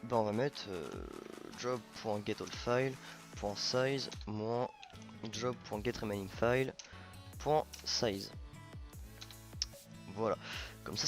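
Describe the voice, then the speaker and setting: A man's voice: on the low side, slow, pauses often, soft background music. A man hosting a programming tutorial, thinking aloud informally with many fillers and self-corrections. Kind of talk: casual coding screencast narration.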